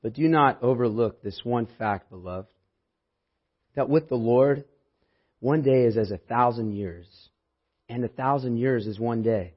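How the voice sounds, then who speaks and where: A man with a hoarse voice preaching a church sermon in an informal, anecdotal way, as if talking with his congregation. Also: medium pitch, a little slow, long pauses. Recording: dull, muffled sermon audio.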